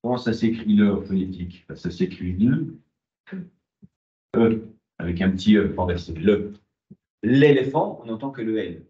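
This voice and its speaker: A man's voice: lowish voice, moderate pace, pauses often, warm tone. A man lecturing a university class, asking rhetorical questions and answering them himself. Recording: muffled, echoey classroom.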